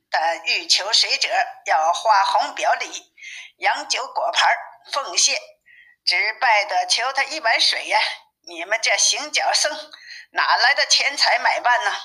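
A woman's voice: a little high, pushed and bright, rough recording. A woman doing a chatty old village woman. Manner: chatty, explaining at length. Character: talkative old village woman, matter-of-fact.

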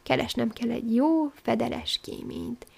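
Lady doing a chatty restless boy swallow, breathy and raspy, storybook voice. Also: fairly high pitch, darkish tone, full character voice. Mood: fussy. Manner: chatty and blunt. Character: young male swallow, restless, proud, fussy.

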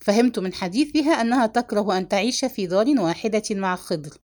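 A woman's voice: mid-range voice, fast talker, a little mellow, lightly acted. A woman reading the lines of an enraged young man who hurls heated accusations at his brother. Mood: furious.

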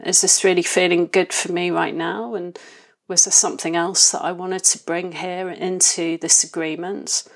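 Lower-voiced woman speaking thoughtfully as a guest. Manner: thoughtful, hesitant, pausing to reformulate. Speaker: interview guest. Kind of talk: reflective conversational interview.

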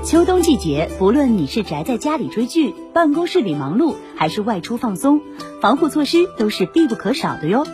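A woman's voice: on the high side, big pitch swings, a little fast, music in the background. A woman announcer reading scripted health tips as a public service message.

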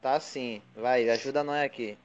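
A man's voice: medium pitch, steady tone, muffled recording, loud music behind the voice. A young man hosting a casual gaming chat, bossy and cursing as he directs his friends. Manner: bossy, cursing, rapid-fire. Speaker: podcast host and server admin.

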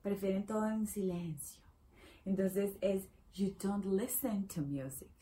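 Slow, patient woman teaching English. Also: mid-range voice. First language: Spanish. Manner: patient and repetitive, with sudden excited exclamations; drawn-out slow model phrases. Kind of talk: playful online English lesson in Spanish.

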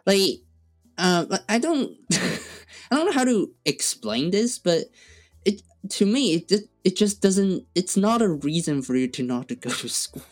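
A young man co-hosting a podcast in casual chat, halting and full of fillers, strongly opinionated. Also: high voice, sing-song, soft background music. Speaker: podcast co-host.

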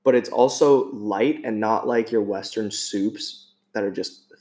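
A man's voice: lowish voice, unhurried, warm tone. Man hosting in a roomy space. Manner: chatty, asks curious questions. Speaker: podcast host. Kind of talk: casual chat.

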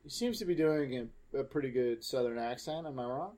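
A man joking his way through a casual film commentary, wry and deadpan, rambling into absurd bits. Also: medium pitch, brisk.

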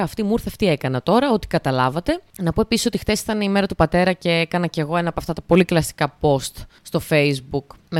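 A woman's voice: lowish voice, dry recording, studio quality. A young woman from Greece hosting a casual solo podcast, rambling and sarcastic as she tells stories. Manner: chatty, rambling and sarcastic, with put-on voices for quotes. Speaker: podcast host.

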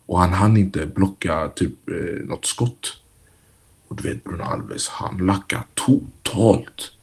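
A young man, a football player being interviewed, telling stories casually with lots of fillers and slang, and growing animated when he acts out what others shouted. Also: low voice, gravelly, slightly rough. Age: young adult. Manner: relaxed, animated when retelling, heavy "du vet" fillers and street slang. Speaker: youth football player, guest.

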